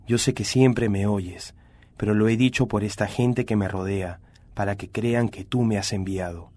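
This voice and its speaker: Jesus, read by a man, slow and solemn. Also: on the low side, fairly even intonation, dark tone, natural voice. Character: Jesus, calm grown male teacher.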